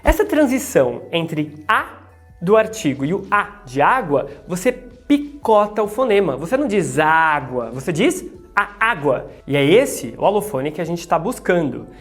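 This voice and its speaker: Lively Brazilian woman teaching pronunciation. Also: fairly low pitch, normal speed, faint music behind. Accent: Brazilian Portuguese. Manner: lively, jokey, with comic asides and repeated drills. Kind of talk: playful video lesson.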